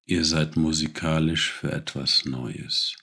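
A wise old stork from a children's story, as a man reads him, kindly and patient. The voice is gravelly and husky, and it moves at an unhurried pace. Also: very deep voice, fairly even intonation, sharp tone, exaggerated voice.

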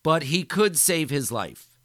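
A man voicing a cruel male tyrant who gives booming, theatrical speeches to a crowd, in an audiobook. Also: slow, dry recording, clean studio sound. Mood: bellowing.

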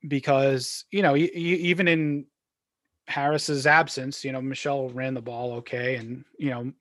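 A man's voice: medium pitch, little pitch movement, unhurried, fairly bright tone, no echo, clean studio sound. A man co-hosting a casual sports podcast, rambling through game talk with lots of fillers and restarts. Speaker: podcast co-host.

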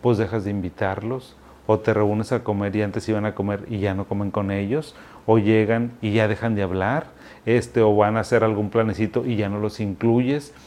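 A man's voice: fairly low pitch, level tone, normal speed. A man, a mental health specialist, giving casual advice straight to the listener. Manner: warm direct second-person advice, with Mexican slang. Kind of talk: informal advice talk.

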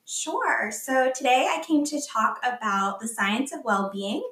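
A woman guest on a podcast, explaining a topic in a relaxed way. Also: on the high side, a little slow. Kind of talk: casual interview. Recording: roomy echo.

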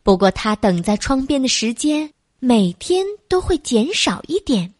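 A woman narrating a children's bedtime story in a soft, coaxing way, calling the listener baby. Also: a little high, sing-song, unhurried, dry recording, studio quality.

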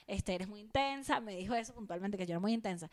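A woman's voice: mid-range voice, fast, no room sound. Woman telling a crude story. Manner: animated, crude and self-mocking. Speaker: podcast co-host. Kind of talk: casual storytelling chat. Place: home.

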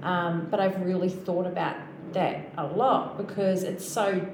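A woman with a New Zealand accent hosts a podcast, chatting casually with a guest in an interview and finishing her guest's sentences. Her voice is fairly low and fairly even, unhurried, recorded in an echoey room with a noisy background.

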